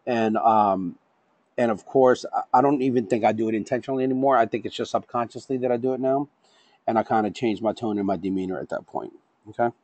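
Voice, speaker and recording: A middle-aged man teaching an online safety class. He talks fast and tags his points with "right?" and "okay?". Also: medium pitch, darkish tone, dry recording. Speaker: safety trainer.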